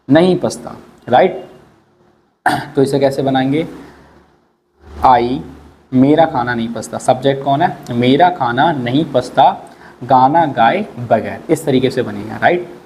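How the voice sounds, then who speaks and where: A man teaching English in a lesson, slowly repeating each word and asking questions as he goes. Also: medium pitch, a little mellow. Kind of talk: spoken English lesson in Hindi. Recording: faint background noise.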